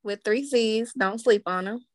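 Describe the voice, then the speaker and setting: A woman's voice: fairly high pitch, a little slow, dry recording, studio quality. A woman co-hosting a podcast in casual chat, slangy and playful, laughing often. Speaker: podcast co-host.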